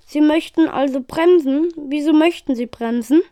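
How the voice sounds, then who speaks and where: A woman voicing an overly calm, polite ship computer in a read-aloud story. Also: sits high, no room sound, clean studio sound, lightly acted. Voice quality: too calm, measured.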